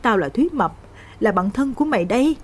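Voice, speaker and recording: A woman's voice: on the high side, lively intonation, quick pace, husky, voice pushed up. A woman voicing an older village woman, a loyal friend who pleads earnestly. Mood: pleading.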